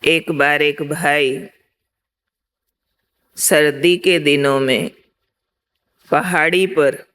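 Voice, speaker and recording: A woman teaching a spiritual class, speaking very slowly and deliberately. Her voice is smooth and clear, and she tells a parable step by step, checking that her listeners follow. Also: sits low, a bit bright. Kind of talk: spiritual discourse with storytelling.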